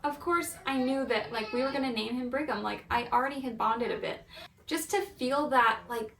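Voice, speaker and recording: A woman's voice: high voice, normal speed, gravelly, fairly bright tone. Gushing woman telling her story in an echoey room. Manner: giddy, gushing, laughs often. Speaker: vlogger and mother telling her birth story. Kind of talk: casual personal storytelling. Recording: echoey room, mic at a distance.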